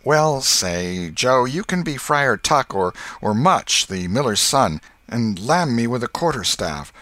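A boastful storybook boy playing at outlaws, bossing his friend about in loud, raised calls, as a deep-voiced male reader puts him on. The voice jumps well above the reader's own low register and pushes hard. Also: a little slow, dry recording. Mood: bossy. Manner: bossy, excitable, loud boyish calls.

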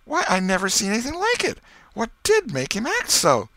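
A man voicing a stern but soft-hearted old aunt who scolds and exclaims. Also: high voice, huge pitch swings, moderate pace, no echo, pitched above the performer's own voice, exaggerated voice. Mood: suspicious.

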